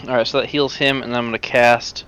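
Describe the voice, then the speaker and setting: A man's voice: mid-range voice, little pitch movement, fairly quick, fairly bright tone, clear, resonant tone, low-quality recording. A man talking casually through his turn as a player in a tabletop game.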